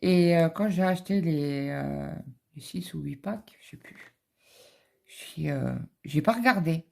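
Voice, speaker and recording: A woman's voice: sits low, measured pace, creaky, mellow. A middle-aged woman, chatting casually and rambling through a story while she stitches in her home office. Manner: rambling anecdotal storytelling with many fillers. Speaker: cross-stitch vlogger.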